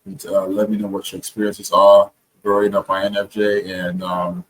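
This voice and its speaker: A man's voice: sits low, completely flat delivery, normal speed, slight background noise, poor audio. A man talking casually to camera, earnest and reflective, with frequent hesitations and restarts. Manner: hesitant, many ums and restarts. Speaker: vlogger.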